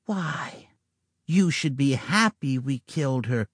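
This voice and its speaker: A man's voice: mid-range voice, lively intonation, takes it slowly, husky, dry recording, studio quality, heavily acted. A man voicing a cruel little girl who lives inside a child's head, speaking in a hissing, taunting whisper.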